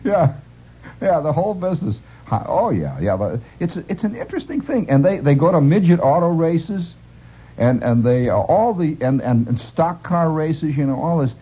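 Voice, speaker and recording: A man's voice: fairly high pitch, moderate pace, slightly rough. A man from Illinois, a radio host telling a rambling story with laughs and restarts. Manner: animated, laughing, full of restarts. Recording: dull lo-fi radio recording.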